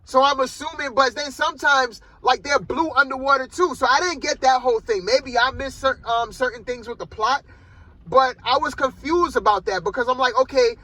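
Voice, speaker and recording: A man's voice: very high-pitched, moderate pace, sharp tone, poor audio. A man giving a casual, rambling film review from inside a car, loosely talking with lots of "like" and "man". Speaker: movie reviewer.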